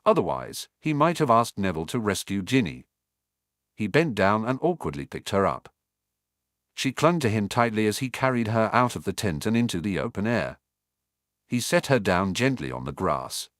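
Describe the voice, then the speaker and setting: A man narrating a fan fiction audiobook with expressive storytelling. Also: fairly low pitch, moderate pace, no room sound, studio quality.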